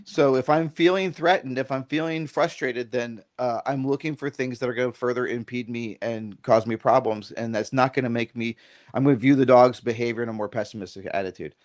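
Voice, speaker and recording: Brisk and medium-pitched, this middle-aged man is a dog trainer guesting on a podcast. He tells stories in a casual, wandering way, acting out quotes with animation and repeatedly asking "right?"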